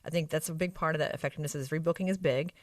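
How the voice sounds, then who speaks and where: Fast-talking woman with an Arkansas accent. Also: low voice, fairly even intonation, darkish tone, dry recording, clean studio sound, distant mic. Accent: Arkansas Southern US. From Arkansas, United States. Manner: emphatic and explanatory, with frequent tag questions. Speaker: guest expert on medical spa practice operations. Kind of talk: conversational expert interview answer.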